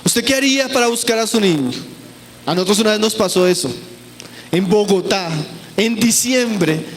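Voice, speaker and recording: A man's voice: high-pitched, gravelly, fairly bright tone. A man preaching a sermon at a church camp, earnest and pleading, speaking often to his listeners as brothers.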